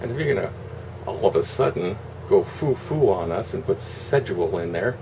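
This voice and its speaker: A man's voice: low-pitched, lively intonation, moderate pace, creaky, far from the mic. A man giving a casual, opinionated monologue in a rambling, sarcastic, salty way. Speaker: online video host. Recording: constant air-conditioner hum, noisy room.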